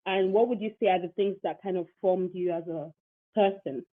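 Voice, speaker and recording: A woman's voice: fairly low pitch, steady tone, normal speed. A woman hosting a podcast, chatting casually and telling stories with laughs. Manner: chatty, warm storytelling with laughs. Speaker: podcast host. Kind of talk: casual chat. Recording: tinny phone-like line.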